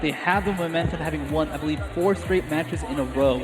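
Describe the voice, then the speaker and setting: Male co-caster, slightly high voice, analytical chat, loud crowd and music behind. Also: fairly quick, reverberant. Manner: chatty analytical color commentary alongside the lead caster. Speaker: esports color caster. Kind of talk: live esports commentary. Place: live tournament auditorium.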